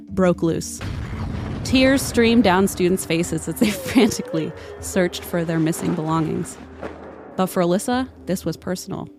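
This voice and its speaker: A podcast storyteller, a woman with a lowish, darkish voice, narrates a scripted comedic tale in a mock-dramatic, literary style, with music playing under her voice.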